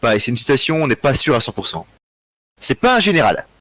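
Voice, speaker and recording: Tired, joking French quiz host. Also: male voice, medium pitch, fast, no room sound. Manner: relaxed, joking, chuckles often, thinks aloud. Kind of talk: live-streamed history quiz, reading chat answers.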